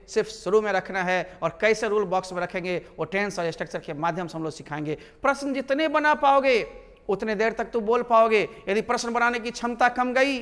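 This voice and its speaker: High-voiced man teaching English. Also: fairly bright tone, in a large hall. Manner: instructive, repeats and drills example sentences. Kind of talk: classroom lesson.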